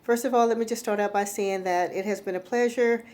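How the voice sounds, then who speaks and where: A woman's voice: mid-range voice, steady tone, fairly quick, a little mellow. A woman teacher giving an earnest, grateful recorded send-off to seniors. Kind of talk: recorded graduation message.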